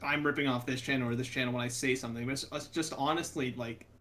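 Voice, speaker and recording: Young man trading dry quips, mid pitch. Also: fairly even intonation, sharp tone, slight background noise. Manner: joking, dry quips, quick asides. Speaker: podcast co-host. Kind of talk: casual chat.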